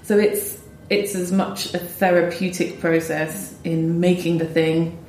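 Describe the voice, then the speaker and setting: A woman composer speaks in a low-ish voice, thinking aloud with frequent ums and restarts. Her voice carries a roomy echo, and a faint hiss sits underneath. She is talking in a reflective conversation. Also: fairly even intonation, measured pace, a little mellow.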